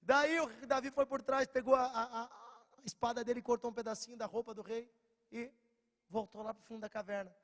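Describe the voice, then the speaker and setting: A Brazilian man with a slight cold, preaching a lively storytelling sermon to young people, swinging from loud bursts to quiet low lines. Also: brisk. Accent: Brazilian Portuguese. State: slightly hoarse, has a cold. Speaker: preacher at a youth meeting. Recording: long church-hall reverb.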